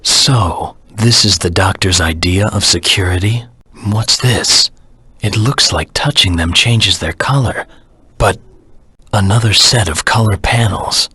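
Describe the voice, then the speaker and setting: A man voicing a brooding, determined anti-hero hedgehog in a video game, terse and cold, with a gruff voice. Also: fairly low pitch, unhurried, bright, forceful tone, no echo, full character voice. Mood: wary, focused. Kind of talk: video game character voice acting.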